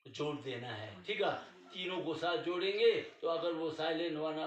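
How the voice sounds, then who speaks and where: A man teaching a language class, patiently explaining pronunciation rules and checking often that his student follows. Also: on the high side. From Tibetan community. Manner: patient, repeats "ठीक है" to check understanding. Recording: echoey room, mic far off.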